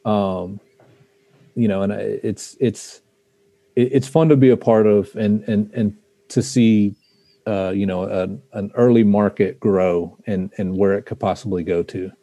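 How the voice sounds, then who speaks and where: A man's voice: fairly low pitch, fairly even intonation, unhurried, warm tone, no echo. A man being interviewed as a guest on a casual podcast, often restarting and repeating words as he thinks. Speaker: guest, trading card company representative.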